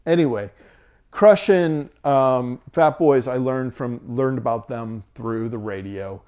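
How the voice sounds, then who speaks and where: A man in his forties chats about his record collection in a slow, unhurried way. He hesitates often, circling back with ums and restarts. His voice is wearing thin, as if he is losing it. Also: medium pitch, mellow, smooth. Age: 40s. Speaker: vinyl collector vlogger. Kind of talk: casual talk to camera.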